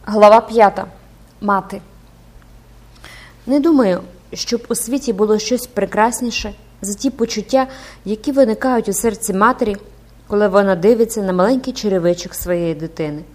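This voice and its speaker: Woman reading an audiobook, expressive and dramatic, middle pitch. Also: moderate pace. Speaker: audiobook narrator. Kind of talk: scripted narration.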